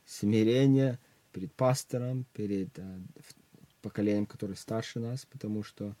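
Young male guest, very dark and husky tone, dry close sound, earnest pastoral talk. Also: fairly low pitch, steady tone, moderate pace, dry recording. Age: young adult. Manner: earnest, restarts words often. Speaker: guest youth minister. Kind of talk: religious interview talk.

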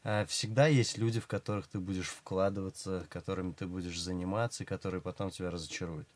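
Male guest pastor, very low voice, steady preacherly counsel. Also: a little hiss or hum. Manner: measured, preacherly advice. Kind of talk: religious interview talk.

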